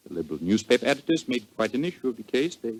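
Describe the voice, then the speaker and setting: An actor playing a grave, courteous count and police chief in 1940s radio drama, speaking in a formal, measured way. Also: male voice, medium pitch, big pitch swings, husky. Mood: explaining. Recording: noisy vintage 1940s radio recording.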